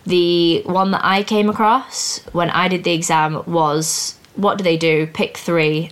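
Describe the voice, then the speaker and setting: Young woman, podcast host, casual teaching tone, slightly low voice, upbeat and plain-spoken. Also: gravelly. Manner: explains plainly, chatty and upbeat.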